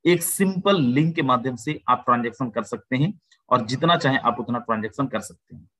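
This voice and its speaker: A man hosting an online video-call webinar, giving a persuasive sales pitch and often calling the listeners "my friend". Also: a little fast, a bit bright, slightly rough, no echo, rough recording. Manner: persuasive, addresses listeners as "my friend", mixes English phrases. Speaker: webinar host.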